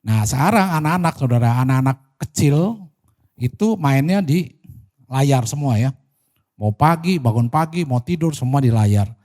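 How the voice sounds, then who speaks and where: A man's voice: medium pitch, expressive, normal speed, darkish tone. A man with an Indonesian accent preaching a church sermon in a conversational way, speaking directly to the congregation.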